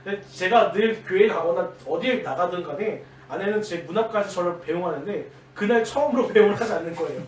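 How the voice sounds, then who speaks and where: High, lively-voiced man preaching. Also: brisk, hardly any pauses. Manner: earnest personal storytelling. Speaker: junior pastor. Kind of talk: dawn service sermon. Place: church sanctuary. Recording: echoey church, distant mic, faint hiss.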